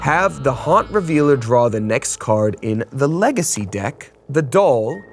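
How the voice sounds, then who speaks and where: A man's voice: mid-range voice, unhurried, faint music behind. A man hosting a board game, reading out the rules and story cards to the players in a theatrical way. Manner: theatrical, lively rule-reading.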